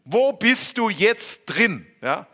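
A man's voice: high voice, very animated, slow pace, pushed and bright. A man with a German accent preaching a sermon, emphatic and rhetorical, often acting out what people might say. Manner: emphatic, rhetorical, acts out quoted voices.

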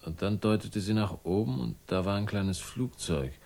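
In a 1960s German radio crime drama, an actor plays a world-weary, sardonic man with a troubled past. He speaks in terse, fragmented, wry lines with a dreamy, uneasy mood. His lowish voice is gravelly and darkish, at a moderate pace.

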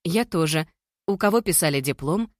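A watchful middle-aged mother, as an audiobook reader puts her on, polite on the surface and probing underneath. Her questions come measured and pointed. Close, dry sound. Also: sits low, lively intonation, no echo.

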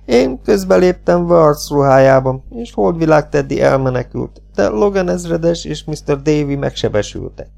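A man voicing a calm, unbothered young Mexican male outlaw in an audiobook, with a gravelly voice. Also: a little high, hardly any pauses, voice pushed up. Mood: calm, flat.

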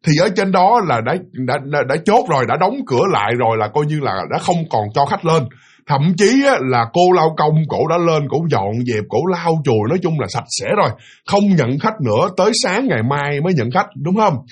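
A man's voice: a little high, sing-song, brisk, slightly rough. A man with a Southern Vietnamese accent telling a ghost story in a chatty way, often speaking directly to his listeners.

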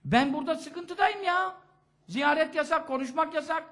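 A man's voice: extremely high pitch, normal speed, fairly bright tone, voice pushed up. A man voicing a dead male debtor who pleads desperately from the grave. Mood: pleading.

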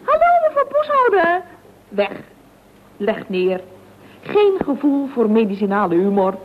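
A woman's voice: fairly high pitch, sing-song, unhurried, a little hiss or hum. A woman playing a theatrical, gossipy office worker in a 1960s radio comedy, with exaggerated swoops in her voice. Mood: dramatic. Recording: dull lo-fi old radio recording.

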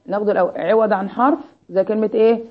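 An Egyptian woman quizzes her students nonstop with "what?" prompts during a call-and-response Arabic grammar lesson. Her medium-pitched voice keeps a steady tone and moves rapid-fire, while the audio itself sounds dull.

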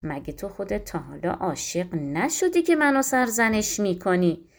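A woman's voice: medium pitch, lively intonation, gravelly. A woman voicing a young lovesick princess who pleads in a storybook tale. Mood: pleading. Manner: pleading, tearful.

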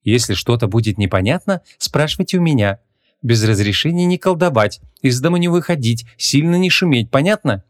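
A man voicing a brisk young policewoman in an audiobook, hesitant when covering up. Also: medium pitch, expressive, dry recording, studio quality, close to an everyday voice.

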